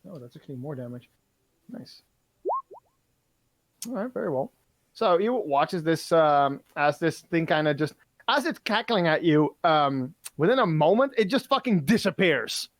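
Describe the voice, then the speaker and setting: A man's voice: a little high, sing-song, normal speed. A man running a tabletop game online, narrating loosely with lots of fillers and swearing. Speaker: game master.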